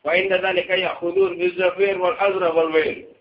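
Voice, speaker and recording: A man's voice: high-pitched, little pitch movement, moderate pace, echoey room, muffled recording. A man preaching a sermon, telling a story dramatically and acting out its voices, mixing Arabic recitation with casual speech.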